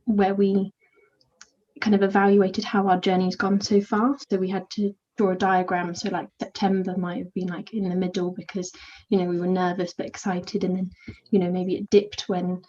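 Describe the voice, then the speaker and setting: A young woman serving as a volunteer mentor speaks quietly and introvertedly in a soft, soothing voice with a mellow, warm tone. Her casual, hesitant answers are full of small fillers, delivered at medium pitch with little pitch movement and a moderate pace. The audio is dull and lo-fi, like a video call.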